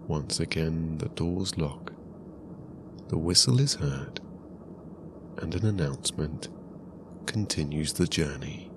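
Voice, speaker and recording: A man narrating a guided sleep story in a calm, soothing, hushed voice with long pauses. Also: extremely low pitch, noisy background.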